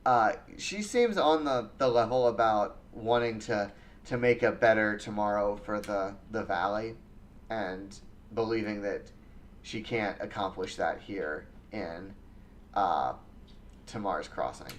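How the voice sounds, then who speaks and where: A man narrating as game master in a tabletop game, relaxed and full of fillers. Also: lowish voice, slow.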